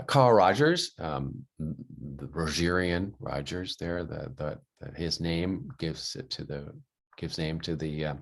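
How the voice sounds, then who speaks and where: A male psychology lecturer giving an unscripted video lecture, halting with many ums and restarts, his voice dropping quietly at the ends of phrases. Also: sits low.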